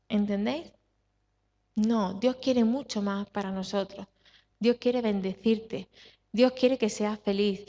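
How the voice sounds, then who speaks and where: A woman's voice: a little high, darkish tone. Woman pastor preaching in a reverberant church. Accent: Spanish from Spain. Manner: emphatic, repetitive, rhetorical questions to the congregation. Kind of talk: sermon. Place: church hall. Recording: dull sound with long hall reverb.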